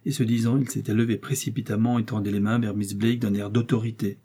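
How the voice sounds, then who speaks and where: A man narrating a classic novel aloud in a measured, even storytelling manner. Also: fairly low pitch, husky. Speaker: audiobook narrator. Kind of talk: literary narration.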